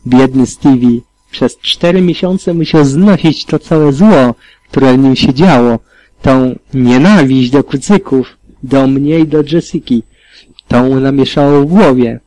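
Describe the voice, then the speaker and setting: Mężczyzna czytający audiobook, sucho. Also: male voice, medium pitch, unhurried, darkish tone, no echo, poor audio. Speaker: audiobook reader. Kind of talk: audiobook narration of fan fiction.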